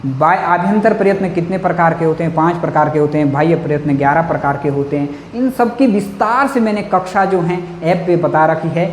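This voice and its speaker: A man's voice: on the high side, a little fast, hardly any pauses. Man, Sanskrit teacher, exam-prep lecture, repeats himself, roomy echo, faint hiss. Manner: repeats points, says "jī hā̃" often. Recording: echoey room with faint noise.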